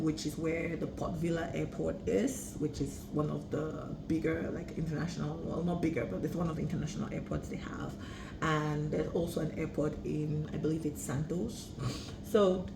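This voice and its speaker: A woman's voice: low voice, gravelly. A young woman from Cameroon giving travel tips in a casual, rambling vlog, often correcting herself. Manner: chatty, rambling, self-correcting. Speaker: travel vlogger. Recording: echoey room with background noise.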